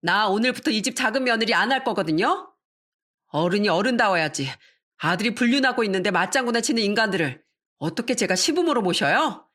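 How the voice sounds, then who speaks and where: A woman voicing a fiery, loyal younger sister-in-law who talks back loudly and defiantly. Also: mid-range voice, lively intonation, fairly quick. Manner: loud, defiant.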